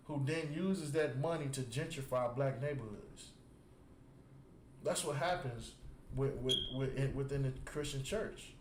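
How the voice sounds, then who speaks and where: A religious teacher with a slightly high voice preaches to a group on the street, drawing responses from them. Emphatic, he repeats his words while building each point and asks "You understand?" after almost all of them. Faint background noise sits in an echoey space.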